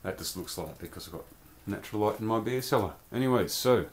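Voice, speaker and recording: A man's voice: on the low side, lively intonation, fast talker, slight background noise. A man casually reviewing a collectible toy in a rambling, chatty vlog from his home beer cellar. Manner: chatty, rambling, loose slang.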